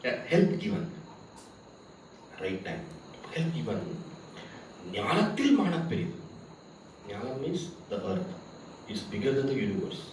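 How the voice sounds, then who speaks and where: A Tamil-speaking man, a spiritual teacher, gives a discourse to a camp audience, posing rhetorical questions and reciting Sanskrit verses. His medium-pitched voice swings widely in pitch, moves quickly, and pauses often. The recording is very echoey and distant, with slight background noise and crickets.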